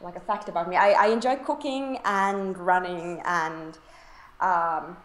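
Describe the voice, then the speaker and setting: A woman's voice: fairly low pitch, measured pace. Chatty woman in an echoey room. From Finland. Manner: chatty, laughing often, many fillers and restarts. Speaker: guest. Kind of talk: casual interview chat.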